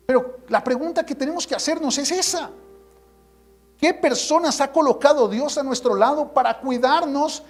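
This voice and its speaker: Emphatic preaching male pastor. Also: very high-pitched. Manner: emphatic preaching, rhetorical questions, acts out congregants' voices. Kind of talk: sermon.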